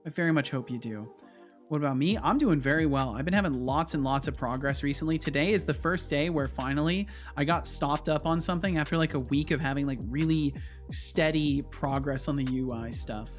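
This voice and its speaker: A man with a fairly high voice hosts a relaxed coding livestream. He thinks aloud and chats casually with viewers, with faint music behind him. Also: brisk. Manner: thinks aloud, hums to himself. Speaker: game developer livestream host.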